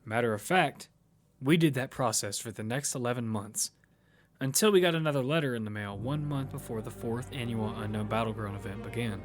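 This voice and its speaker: With music running behind him, a man narrates first-person audio fiction as a determined protagonist recounting how he survived, keeping the tone matter-of-fact. He speaks briskly at medium pitch, close to his everyday voice.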